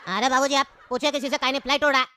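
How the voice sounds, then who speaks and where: A woman's voice: high voice, fairly even intonation, racing, pushed and bright, clean tone, no echo, clean studio sound. Woman voicing a fussy, caring son. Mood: advising. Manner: fussing, advising, scolding. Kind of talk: comic cartoon voice acting.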